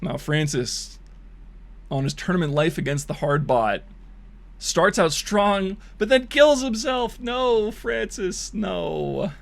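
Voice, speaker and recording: Taking it slowly, a streamer with a high-pitched, creaky voice and lively intonation gives hyped pretend esports play-by-play of bot matches. He laughs and jokes crudely even as his voice fades.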